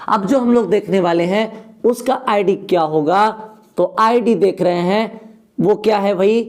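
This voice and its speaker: A man leads a grammar lesson, spelling out each formula at an unhurried, deliberate pace. His voice sits fairly high, and he often pauses to ask his students if they follow. He livens the lesson with playful rhyming asides. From Gaya, Bihar, India. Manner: slowly dictates formulas, keeps asking "correct?", rhyming asides. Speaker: English teacher. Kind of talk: Hindi-medium grammar lesson.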